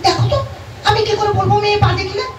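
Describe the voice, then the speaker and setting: A man voicing a fretful village woman in a comic puppet show, in a squeaky puppet voice. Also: very fast, noisy background. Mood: flustered. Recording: roomy, distant pickup with loud music.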